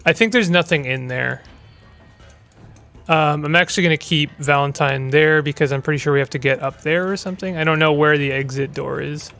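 Man, let's play commentary, rambling and chatty, higher voice, faint game music behind. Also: brisk, creaky, sharp tone. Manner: rambling, chatty, stumbling restarts. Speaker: gaming channel host.

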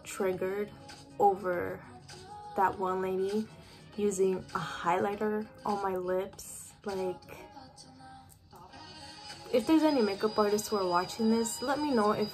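A woman's voice: mid-range voice, steady tone, measured pace, long pauses, soft background music. A teenage girl chatting casually to her webcam in her bedroom, full of "like" fillers. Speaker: vlogger. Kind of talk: casual chat to camera. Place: bedroom at home.

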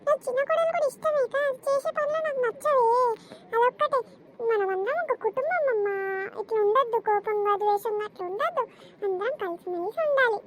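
A woman's voice: extremely high pitch, fairly quick, slight background noise. A woman voicing a fussy, tearful old mother-in-law in a cartoon, talking in a pleading, long-winded way.

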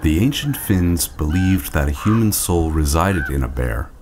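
A man's voice: low voice, animated, unhurried, music in the background. A man narrating a nature documentary from a script.

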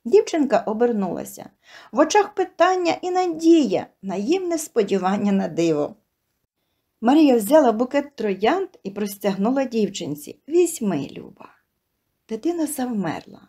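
Woman reading a sweet story aloud, soft dark tone, very expressive. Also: fairly high pitch, normal speed, husky. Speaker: narrator. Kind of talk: storybook narration.

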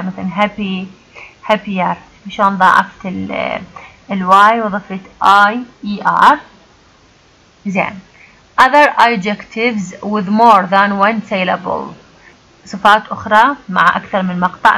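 An Iraqi woman gives an English grammar lesson in a patient, step-by-step classroom manner. She reads the English example sentences out slowly, then translates them into Arabic in a conversational voice at a mid pitch. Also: pushed and bright, rough recording. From Iraq. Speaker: English teacher.

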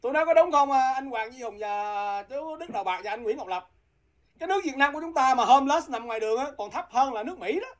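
A woman's voice: sits high, animated, quick pace. A woman from Vietnam, a guest talking politics in a heated, combative way and repeatedly challenging her listeners.

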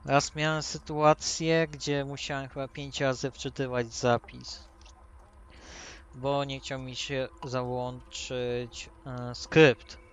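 A man's voice: medium pitch, little pitch movement, slow, fairly bright tone, smooth. A tipsy man giving rambling, casual commentary as he hosts a let's-play. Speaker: gaming video host. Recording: noisy, with game ambience behind. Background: video game ambience.

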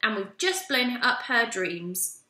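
Woman voicing a fussy young man, stern and clipped, perfectionist, bright high tone, roomy echo. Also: very animated, takes it slowly, heavily acted.

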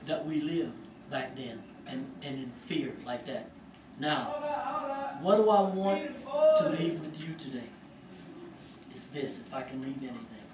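Man, higher voice, storytelling testimony in a roomy hall, mic far off. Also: very noisy. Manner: animated storyteller, acts out voices, laughs. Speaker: speaker sharing his life story. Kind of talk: personal testimony to an audience.

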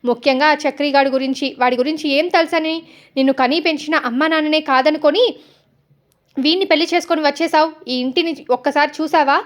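Spiteful older aunt, taunting and scolding, high and quick, read by a woman. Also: close to an everyday voice.

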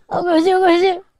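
A woman's voice: very high voice, darkish tone, no room sound, studio quality. A woman calling out teasingly from across the room, off the mic.

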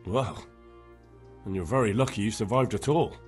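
A man's voice: on the low side, moderate pace, faint music behind, natural voice. A male actor voicing an earnest young medieval commoner in a video game, plain and direct. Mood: concerned. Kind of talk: video game dialogue acting.

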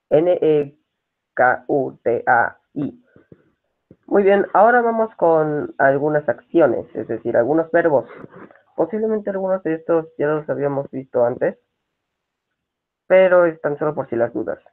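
A man teaching a live-streamed language lesson, repeating each word and spelling it out letter by letter. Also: a little high. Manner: slow, spells words out letter by letter. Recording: tinny phone-like sound.

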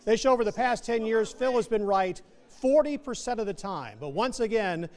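A man's voice: high-pitched, expressive, normal speed, darkish tone. A man anchoring television news, giving live commentary on an event.

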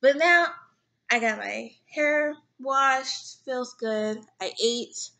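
A woman's voice: sits high, extremely slow, gravelly, bright, forceful tone. A young woman vlogger talking earnestly and rambling to camera about self-acceptance, near tears at times. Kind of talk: personal talk to camera.

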